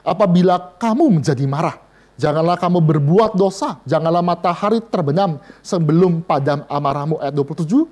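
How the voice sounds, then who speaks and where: A man preaching a lively Bible study sermon, joking and speaking straight to his listeners. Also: a little high, fairly quick. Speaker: vicar preaching to a women's and seniors' Bible study.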